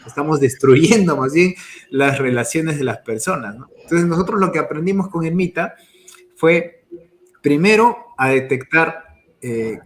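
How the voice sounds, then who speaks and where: A man's voice: on the high side, lively intonation, measured pace. A man giving a motivational talk on emotions in business, telling stories and tagging his phrases with a questioning "¿no?". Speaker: network marketing speaker.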